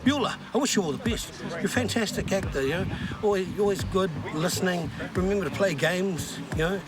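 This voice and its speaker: A man's voice: high-pitched, a little fast. A man giving well-wishes in a casual message to camera. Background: loud music.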